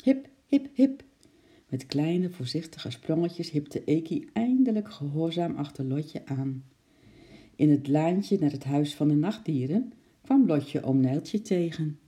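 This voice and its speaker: A woman reading a children's book aloud in a gentle storytelling manner. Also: deep voice, expressive, measured pace. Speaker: narrator.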